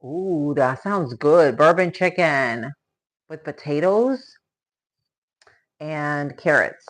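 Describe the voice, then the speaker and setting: Here the live stream host, a woman with a lower pitch, takes things slowly and expressively while cooking in her kitchen. Her background is Spanish-born to Cuban parents, raised in Florida from ten, and she chats, exclaims, and thanks her viewers throughout.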